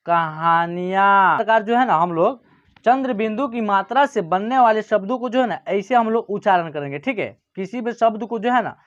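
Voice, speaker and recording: A man teaching a reading lesson who says each word slowly and twice, checking often that listeners follow. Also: high voice. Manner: often adds "ठीक है ना" and "समझ गए ना". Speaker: Hindi teacher. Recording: muffled lo-fi recording.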